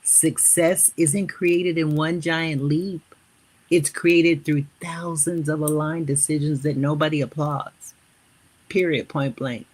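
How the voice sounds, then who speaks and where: Speaking in a deep, steady voice with a darkish tone, this motivational host, a woman aged fifty or more, runs a live stream. She treats viewers as family while slowly guiding them through affirmations again and again.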